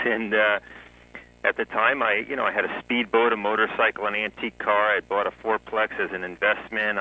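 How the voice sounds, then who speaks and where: A man in his forties, a guest author, telling his life story in a relaxed interview, often chuckling. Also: on the low side, low-quality recording. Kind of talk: conversational interview.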